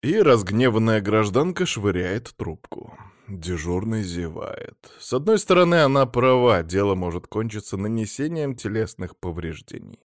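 A man's voice: on the low side, animated, moderate pace, few pauses, dry recording. A man reading a story aloud in a dry, wry manner, voicing a weary duty officer. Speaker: narrator. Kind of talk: audiobook reading.

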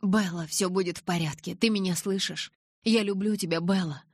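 A woman voicing an anguished, tender young man in an audiobook, speaking in a husky, pleading tone. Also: sits low, steady tone, normal speed, dry recording, clean studio sound. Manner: pleading, urgent. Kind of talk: audiobook narration.

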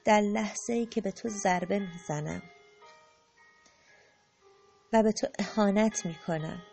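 A woman voicing a gentle, loving spirit in an audiobook, speaking calmly and tenderly. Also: medium pitch, creaky, faint music behind, natural voice. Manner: calm, tender, unhurried, softening to a hush. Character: gentle, loving spirit who agrees to play the wrongdoer.

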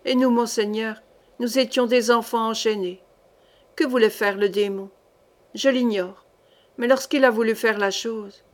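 A woman's voice: fairly high pitch, fairly even intonation, a little slow, natural voice. Woman voicing a frightened rambling henchman. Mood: fearful pleading. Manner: rambling, dramatic storytelling. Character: frightened male henchman pleading with a duke.

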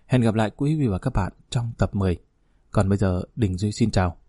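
A man narrating a novel in a calm, even storytelling read, recorded close and dry. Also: on the low side, brisk, breathy edge, no room sound. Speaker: audiobook narrator.

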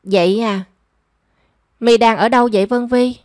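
A brisk, matter-of-fact young female friend speaks plainly, voiced by a woman narrator. The voice is somewhat high, close and dry. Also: steady tone, a little mellow, dry recording, natural voice.

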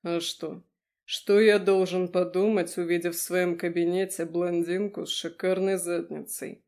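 A woman's voice: fairly low pitch, level tone, unhurried, darkish tone. A woman reading an audiobook, voicing a brash, teasing male werewolf lover with a crude, purring manner. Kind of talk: audiobook character voice.

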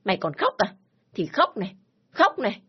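A woman voicing a stern, domineering older father who shouts and scolds harshly, in a spoken story. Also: medium pitch, big pitch swings, moderate pace, breathy edge, lo-fi sound, voice pushed up. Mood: furious shouting.

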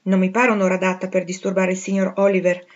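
A woman's voice: mid-range voice, level tone, fast, natural voice. A woman reading the lines of a stern, reserved young clergyman, curt and restrained, on a dull lo-fi recording.

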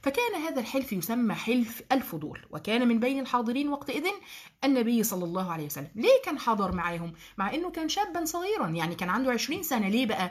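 A woman with an Egyptian Arabic accent teaching a religious lesson to girls in a lively way, often asking the class questions and explaining terms. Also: a little high, very fast.

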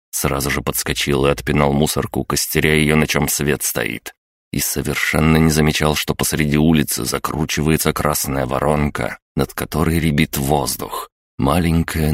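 A man narrating a fantasy audiobook in the first person, calm and measured with a wry edge. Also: rumbling low, no room sound, clean studio sound.

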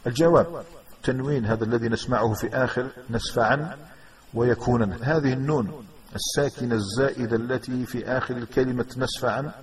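A man teaching a grammar lesson, explaining step by step and repeating definitions slowly for his students. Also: mid-range voice, recorded from a distance, low-quality recording.

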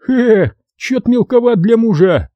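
A man's voice: very high-pitched, animated, a little slow, dry recording, dull audio, pitched above the performer's own voice. A man voicing a crude, mocking soldier in an audiobook, with coarse, jeering speech.

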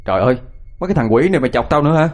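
A man's voice: fairly low pitch, fast, a little mellow, natural voice. A man voicing a shy, hot-tempered young village man. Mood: irritated.

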